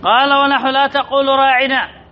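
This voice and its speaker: A man's voice: very high voice, little pitch movement, fairly quick, a little hiss or hum. A man teaching an Arabic grammar lesson to a class, reading from a text, repeating key terms and calling on students by name to answer. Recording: dull lo-fi classroom recording.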